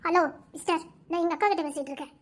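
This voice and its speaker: A woman's voice: extremely high pitch, steady tone, rapid-fire. An actress playing a bossy young village woman who scolds and mocks without holding back. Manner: sharp-tongued, scolding, mocking. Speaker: actress in a short romance drama. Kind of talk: dramatic village romance acting.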